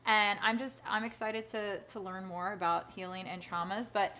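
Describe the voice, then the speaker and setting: Fast-talking, bubbly woman host. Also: mid-range voice, little pitch movement, pushed and bright, a little hiss or hum. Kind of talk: live social-media conversation.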